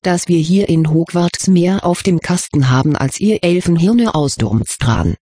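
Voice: mid-range voice, a little slow, mellow, breathy edge, dry recording, clean studio sound. Reader voicing a furious jealous schoolboy. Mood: angry. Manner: angry, hissing. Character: young schoolboy, hot-tempered and jealous.

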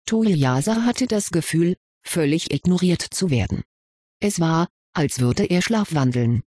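Steady storyteller for a fantasy audiobook, husky and intimate. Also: mid-range voice, a little slow, no room sound, clean studio sound. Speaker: narrator. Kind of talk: audiobook narration of fan fiction.

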